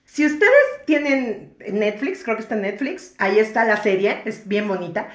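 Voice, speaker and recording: A woman's voice: medium pitch, moderate pace, reverberant. A woman with a Mexican accent, co-hosting a casual book chat, slangy and laughing often. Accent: Mexican Spanish. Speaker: podcast co-host. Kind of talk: casual chat about books.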